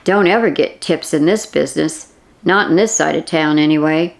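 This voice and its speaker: A gabby, folksy female cashier who keeps talking, as a woman narrator voices her. Her voice sits low and a little gravelly, in a plain storybook reading. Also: moderate pace. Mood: chatty. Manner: talkative, folksy. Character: chatty, gossipy female store cashier.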